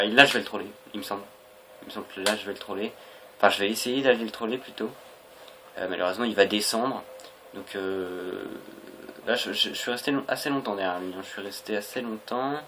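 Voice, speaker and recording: A man's voice: on the low side, a little fast, fairly bright tone. A young adult Frenchman gives casual, hesitant and rambling gameplay commentary on a noisy home recording. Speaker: gaming video creator.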